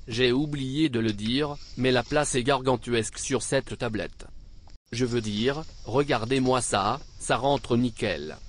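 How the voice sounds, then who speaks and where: A man's voice: mid-range voice, slow, a little hiss or hum. A man narrating a travel review in a casual, conversational style, as the reviewer himself. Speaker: train trip reviewer.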